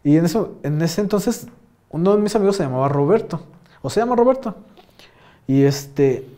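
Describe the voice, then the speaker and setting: Young Mexican man, casual podcast host; slightly high, mellow voice; rambling storyteller with lots of slang and fillers. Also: lively intonation, normal speed.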